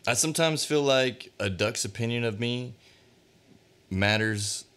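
A man as a podcast guest, chatting casually and cracking crude deadpan jokes. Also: mid-range voice, measured pace, smooth. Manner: joking, crude, deadpan bits. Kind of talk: casual chat.

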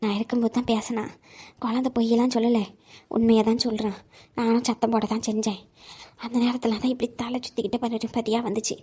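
A woman voicing a frail elderly grandmother who talks in a soft, tired and coaxing way in a cartoon. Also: on the high side, flat delivery, fast talker, husky. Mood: weary. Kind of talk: cartoon voice acting.

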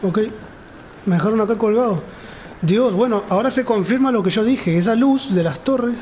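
A man's voice: high-pitched, moderate pace, darkish tone, slight background noise, poor audio. A man with a Rioplatense Spanish accent narrating a horror game, muttering nervously and frightened to himself. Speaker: gamer. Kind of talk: horror game let's play commentary.

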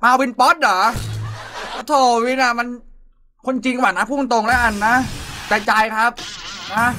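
A young man with a notably high voice hosts a live voice-chat stream as its DJ. He talks in an excitable, loud way, breaking into shouts and laughs. Music plays loudly behind him. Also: moderate pace. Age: young adult. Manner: excitable, shouting and laughing, frequent polite particles. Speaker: online voice-chat DJ.

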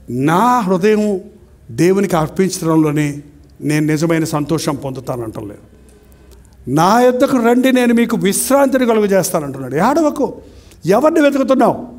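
Middle-aged male preacher with a high voice, delivering a sermon full of rhetorical questions. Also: a little mellow. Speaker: pastor.

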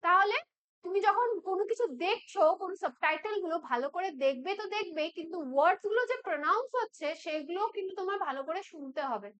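A woman from West Bengal teaching spoken English in a classroom-style lesson. She keeps checking in with her listeners and says English examples slowly and deliberately. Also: extremely high pitch, a bit bright.

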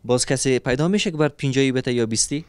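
A man talks to children on the street in a soft, coaxing way. He soothes and encourages them, and his voice sits at an ordinary middle pitch. He asks questions patiently and keeps reassuring them. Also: clean tone, no room sound. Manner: gentle, coaxing, soothing, full of endearments. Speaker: charity vlogger interviewing working street children. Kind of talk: street interview. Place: street outdoors.

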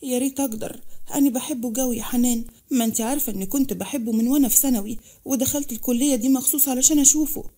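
A woman's voice: sits high, very fast, mellow. A woman voicing a heartbroken young woman with an Egyptian accent, speaking in a pleading way. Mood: sad, pleading. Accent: Egyptian Arabic.

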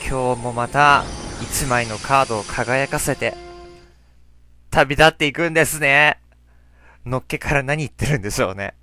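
A man's voice: medium pitch, normal speed, pushed and bright. A young man giving chatty let's play commentary, talking to himself as he plays. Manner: chatty, talks to himself while playing. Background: faint game music.

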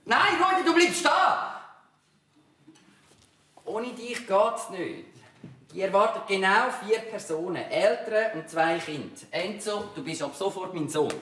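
A man with an Arabic-accented German playing a commanding, fast-talking schemer who bosses his group around in a stage comedy. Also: high-pitched, a bit bright. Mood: bossy. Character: bossy Lebanese-Swiss family schemer. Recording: roomy, noisy stage recording from far off.

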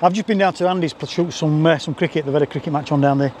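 A man's voice: fairly high pitch, racing, darkish tone. A man giving chatty, self-deprecating, casual vlog commentary outdoors, often repeating his phrases. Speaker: landscape photographer, vlogger. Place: outdoors on a grassy rural roadside. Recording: faint outdoor noise with insects.

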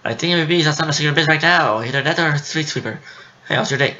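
A man's voice: a little high, quick pace, sharp tone, muffled recording. A man giving casual commentary as he plays a video game. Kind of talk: casual let's play commentary. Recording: faint game music behind. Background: game music.

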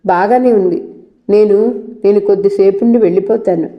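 A woman's voice: mid-range voice, normal speed, muffled recording, close to an everyday voice. A woman voicing a surly, insolent rich young man in a storybook reading, speaking in curt lines. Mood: weary.

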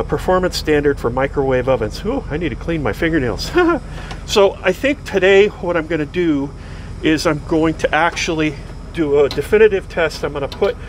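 A man narrating his own repair work in a relaxed, rambling way, thinking aloud with fillers and self-corrections, recorded inside an old motor coach. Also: fairly high pitch. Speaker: DIY vlogger restoring a vintage motorhome. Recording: steady background hum, noisy.

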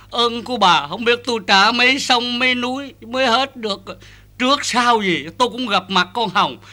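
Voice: medium pitch, bright, forceful tone, natural voice. An actor playing a humble poor servant who thanks his benefactor. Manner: grateful, deferential.

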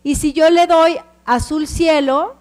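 A woman's voice: high voice, fairly even intonation, slow, a little mellow, big-room sound. A woman with a Mexican Spanish accent teaching a computer class, explaining step by step and often checking that the students follow.

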